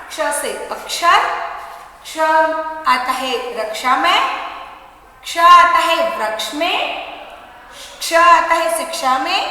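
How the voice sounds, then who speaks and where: A woman teaching young children an online alphabet lesson, speaking slowly, repeating words and checking in with the class. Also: high voice, sharp tone. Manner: slow and repetitive, asking questions and checking with the children. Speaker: nursery teacher. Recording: echoey, reverberant room.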